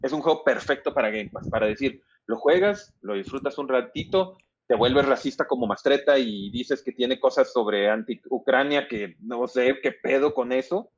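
A man's voice: mid-range voice, moderate pace, few pauses, dull audio. A man with a Mexican accent, rambling and swearing freely as he chats casually about video games. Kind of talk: casual chat.

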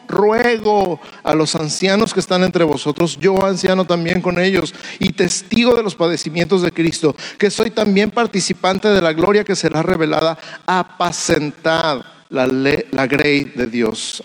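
A man's voice: a little high, moderate pace, low-quality recording. A man preaching a sermon to pastors, repeating refrains and putting rhetorical questions to his listeners.

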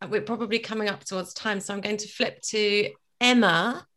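A woman's voice: mid-range voice, steady tone, normal speed. A woman host moderating a discussion, thanking the guest appreciatively and handing over. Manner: warm, appreciative. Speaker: podcast host. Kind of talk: moderating a panel.

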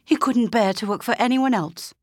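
A woman's voice: fairly high pitch, moderate pace, a little mellow, no echo, studio quality, natural voice. An actress playing a prim, dramatic female palace etiquette tutor who gives instructions theatrically. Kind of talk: audio drama acting.

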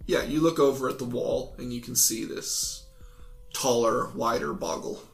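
A man improvising narration as a game master, informal and a little halting. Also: medium pitch, gravelly.

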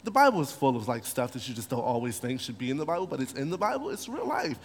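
A man preaching a sermon as pastor, retelling a story in an animated way and acting out the characters. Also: medium pitch, quick pace. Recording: long hall reverb.

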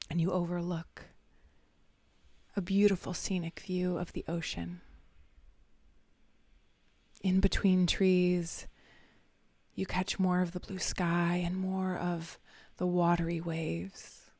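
A woman guiding a visualization meditation in a soft, half-whispered, soothing voice with long pauses. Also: lowish voice, no echo. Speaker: meditation guide.

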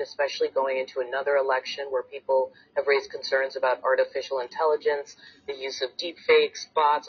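A man's voice: mid-range voice, breathy edge. A man commenting as a guest on a cable news show, talking in a thoughtful, hedging way. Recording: muffled TV audio with hiss.

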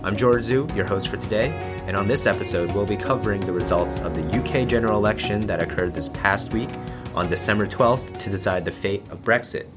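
A man's voice: fairly low pitch, a little fast, music in the background. A man hosting a podcast, reading scripted lines and interviewing people with some hesitant fillers. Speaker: podcast host.

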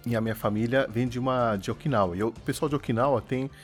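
A man co-hosting a casual podcast, telling a funny story in a lively way and laughing often. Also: medium pitch, quick pace, faint music behind. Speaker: podcast co-host.

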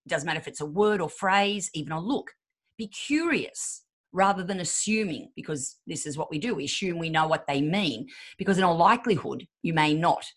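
Woman, fifties, low-pitched, emphatic podcast guest. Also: fast. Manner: acts out quoted voices, emphatic. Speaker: guest relationship coach. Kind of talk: podcast advice talk.

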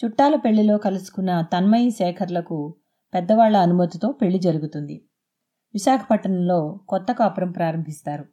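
Woman audiobook narrator, mellow dark tone, fairly low, lo-fi sound. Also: fairly quick. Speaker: narrator of serialized audio novel. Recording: dull lo-fi.

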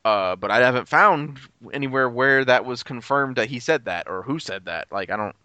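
A man's voice: mid-range voice, moderate pace, pushed and bright, dry recording. A man as a guest on a casual podcast chat, blunt and swearing freely.

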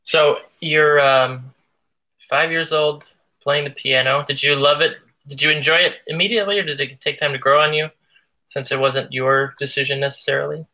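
A man's voice: on the high side, steady tone, moderate pace, pushed and bright, highs cut off. A man hosting a casual interview, asking long, curious questions. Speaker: interviewer, tango dancer.

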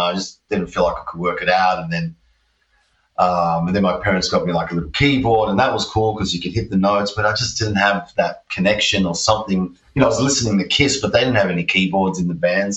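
A man's voice: deep voice, a bit bright. An Australian man, a guitarist and interview guest, telling stories in a rambling, laid-back way with lots of fillers. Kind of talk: casual storytelling interview. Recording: roomy, distant, dull-sounding audio.

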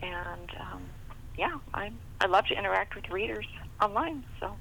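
A low-quality recording with a little hiss or hum carries this middle-aged American woman's casual interview chat as a guest author. Expressive and creaky at normal speed, her mid-range voice is a bit bright, and she's talkative and self-deprecating with small laughs.

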